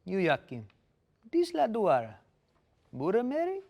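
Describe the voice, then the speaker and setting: In a fantasy table read, a man voices a small, excitable, superstitious creature, speaking broken pidgin mixed with made-up words. He commits fully to a gravelly, high-sitting character voice. He delivers it at a measured pace with an urgent mood.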